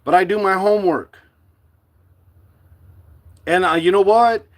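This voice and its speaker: A middle-aged man from the United States speaking to his livestream viewers in a forceful, defiant, preachy monologue. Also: high-pitched, unhurried. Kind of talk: impassioned live-stream monologue.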